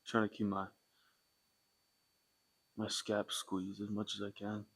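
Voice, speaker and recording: Husky, even-toned man coaching a workout. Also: fairly low pitch, takes it slowly. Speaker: fitness vlogger demonstrating exercises. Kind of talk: casual workout instruction. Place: gym. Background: faint music.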